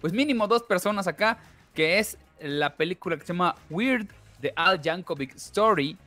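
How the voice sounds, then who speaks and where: A Mexican man co-hosting a podcast, chatting casually and joking with animated exclamations. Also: sits high, normal speed, faint music behind. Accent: Mexican Spanish. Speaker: podcast co-host. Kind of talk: casual chat.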